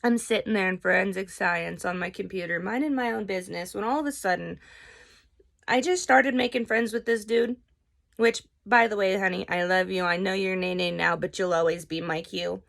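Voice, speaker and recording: Gravelly, chatty young woman telling a story. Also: mid-range voice, moderate pace. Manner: animated, profane, chatty. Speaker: vlogger. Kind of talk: casual storytelling.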